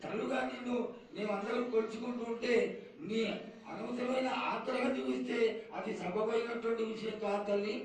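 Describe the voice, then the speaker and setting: Casting: male devotee petitioning an oracle, very high voice, deferential pleading, heard at a distance in heavy echo. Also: fairly even intonation, normal speed. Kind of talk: reverent ritual petition. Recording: echoing, distant mic, faint ambient noise.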